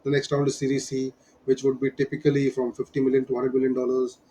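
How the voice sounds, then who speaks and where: A man's voice: mid-range voice, completely flat delivery, fast talker, warm tone, slight background noise. Indian-accented man explaining, evenly and emphatically. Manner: emphatic, repeats key points. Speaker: business advisor teaching startup fundraising. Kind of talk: explanatory lesson.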